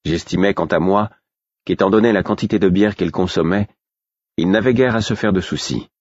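A man narrating a story in the first person as an audiobook, with measured, even storytelling. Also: low-pitched, dry recording. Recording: dull, dry recording.

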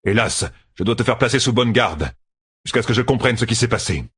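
A man's voice: mid-range voice, animated, fairly quick, a bit bright, husky, voice pushed up. A man voicing a stern male army commander who gives clipped, urgent orders in a raised, commanding voice.

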